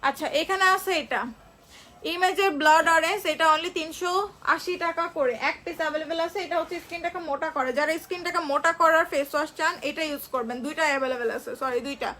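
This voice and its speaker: High bright-voiced unwell Bangladeshi saleswoman. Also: fairly even intonation. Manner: slow, chatty, repeats prices and answers viewers. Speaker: online shop seller. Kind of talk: live-stream sales pitch.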